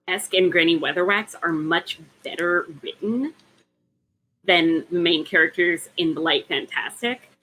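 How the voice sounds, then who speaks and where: A woman's voice: fairly low pitch, pushed and bright, a little hiss or hum, rough recording. A woman on a casual book discussion podcast, making a long, careful argument with frequent ums and restarts. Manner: analytical, argues at length with many ums. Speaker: podcast co-host.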